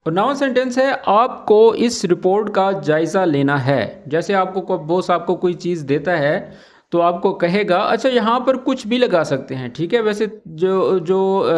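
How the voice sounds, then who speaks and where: A man with a Pakistani Urdu accent giving a casual Arabic lesson, repeating each phrase slowly and often checking in with the listener. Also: high-pitched. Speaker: Arabic teacher. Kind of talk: casual spoken language lesson.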